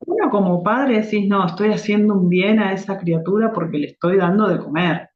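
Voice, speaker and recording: A middle-aged woman with a Rioplatense Spanish accent, a reflexology therapist calmly explaining her ideas as a podcast guest. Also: mid-range voice, fairly quick. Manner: reflective, explanatory, with frequent restarts. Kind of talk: conversational interview. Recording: echoey, dull lo-fi remote audio.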